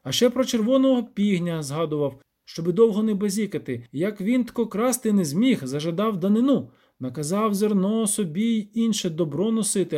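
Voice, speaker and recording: A man's voice: sits high, mellow, pitched above the performer's own voice. A man voicing a nervous, talkative peasant who rambles in a folksy way.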